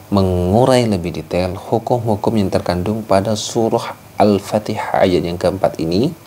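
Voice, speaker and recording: A man's voice: sits low, a little mellow, slight background noise. Patient male Quran recitation teacher. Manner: patient, explanatory, drawn-out chanted demonstrations. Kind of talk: tajwid lesson with recited examples.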